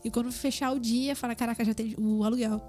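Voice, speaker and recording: A woman's voice: a little high, steady tone, quick pace, mellow, soft background music. A woman with a Brazilian Portuguese accent, a tattoo artist and podcast guest, speaking earnestly and reflectively in casual chat.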